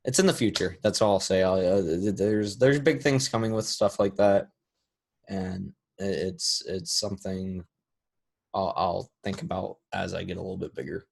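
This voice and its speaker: A man hosting his own podcast, answering listener questions in a casual, halting, rambling way with frequent restarts. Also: low voice, creaky, darkish tone. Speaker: podcast host. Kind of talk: casual solo Q&A.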